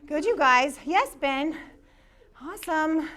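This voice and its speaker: Bubbly yoga teacher lady in a studio class, high voice that bounces all over, giggly and encouraging. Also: expressive, slow pace, sharp tone. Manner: upbeat, giggly, encouraging, cues students by name. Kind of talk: live yoga class instruction.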